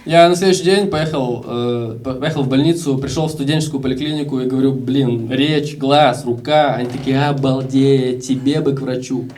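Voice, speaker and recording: A man's voice: medium pitch, steady tone, moderate pace, few pauses, darkish tone, far from the mic, a little hiss or hum. A young Russian man in his twenties telling stories casually in a stand-up comedy set, acting out the voices of other people. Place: live comedy show with audience.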